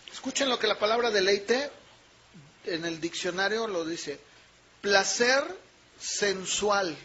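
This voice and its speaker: A man's voice: sits high, a bit bright, muffled recording, slight background noise. A man preaching a sermon, emphatic and full of rhetorical questions to the congregation. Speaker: pastor.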